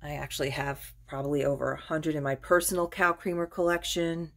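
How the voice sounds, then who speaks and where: A woman's voice: low voice, little pitch movement, fairly quick. A woman giving a chatty phone-filmed tour of an antique shop, admiring the items as she goes. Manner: chatty, admiring, drifts softer and louder as she pans. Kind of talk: casual walkthrough narration. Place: indoors in a crowded antique shop.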